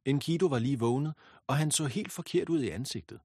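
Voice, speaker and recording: Male narrator, storybook reading, husky, dry close sound, expressive. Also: mid-range voice, no echo.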